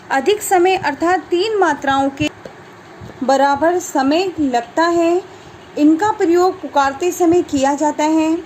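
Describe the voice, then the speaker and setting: Slow, high-voiced woman teacher. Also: a little mellow, slight background noise, poor audio. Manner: slow, clear explanation with listed examples. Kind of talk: Hindi grammar lesson.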